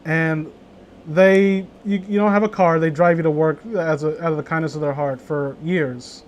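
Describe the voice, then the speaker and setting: Here the man's slightly high voice holds a fairly even intonation at a normal pace, with a little hiss or hum in the background. Hosting a group story reading as a streamer, he chats casually, rambling, opinionated and heavy on swearing.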